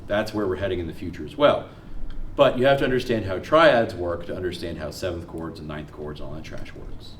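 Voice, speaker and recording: A man teaching a music theory class, quizzing students and counting notes aloud in a lively lecture. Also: deep voice, a little fast, recorded from a distance, slight background noise. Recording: roomy classroom with guitar behind.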